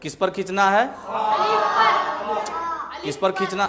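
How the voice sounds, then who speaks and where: Slow and completely flat, a man's high-sitting voice leads a class in Quran reading, patiently drilling the sounds through call-and-response. The classroom has students, echo and loud background noise.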